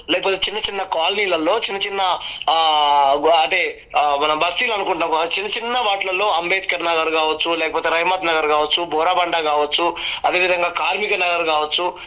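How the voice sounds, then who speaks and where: A man's voice: high voice, pushed and bright, muffled recording. A man with a Telangana Telugu accent giving an emphatic political campaign speech in an interview, building points through repeated lists. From village in Telangana, India. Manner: emphatic, repetitive, list-building oratory. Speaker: election candidate giving an interview.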